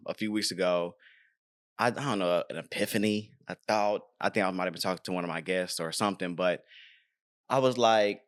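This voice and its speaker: A man's voice: on the low side, smooth. A man hosting a podcast, talking in a loose, rambling, casual way and swearing freely. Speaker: podcast host.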